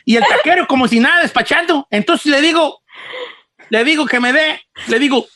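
A man's voice: extremely high pitch, brisk, no echo. A man voicing a folksy old Mexican ranch man who hosts a radio show, with a Mexican Spanish accent, telling rambling comic stories and acting out the other people in them. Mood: amused. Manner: rambling, animated, acts out choking and the vendor's replies.

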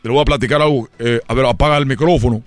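A man's voice: mid-range voice, steady tone, racing, over music. A man hosting a comedy radio skit, telling a rambling, playful story. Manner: rambling and playful, slipping into voices.

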